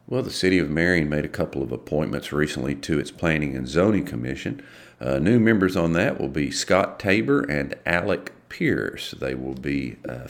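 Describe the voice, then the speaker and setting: Deep gravelly man hosting radio. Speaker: local radio show host. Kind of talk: casual local news and announcements.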